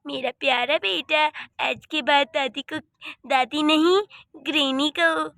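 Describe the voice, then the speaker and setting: Cartoon role: a vain newlywed granny over 60, gravelly and high, voiced by a woman. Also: fairly even intonation, slow pace, a bit bright, dry recording, clean studio sound, exaggerated voice. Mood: coaxing. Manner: haughty, teasing. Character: vain old grandmother newly married, bossy.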